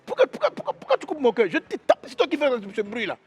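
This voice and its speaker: A man voicing an excitable female giraffe who scolds in a high squealing voice with repeated words. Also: fast talker, heavily acted. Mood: scolding.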